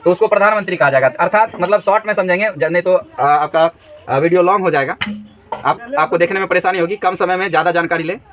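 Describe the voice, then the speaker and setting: A man's voice: sits high, fast, fairly bright tone. A man teaching a grammar lesson in a classroom, repeating each question so the students answer together.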